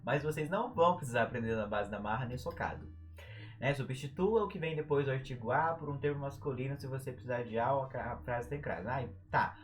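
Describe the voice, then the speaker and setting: A man's voice: mid-range voice, fairly quick. A young man from Brazil with a Brazilian Portuguese accent, teaching a casual live-stream writing lesson in a playful, joking way and stretching out syllables for emphasis. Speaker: writing tutor.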